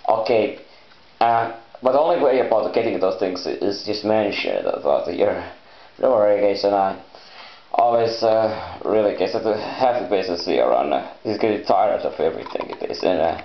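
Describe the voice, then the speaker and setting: A man who is not a native English speaker, talking in a rambling, unscripted solo vlog with halting, repetitive, loosely broken phrasing. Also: fairly low pitch. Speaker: vlogger. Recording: echoey room, dull muffled sound.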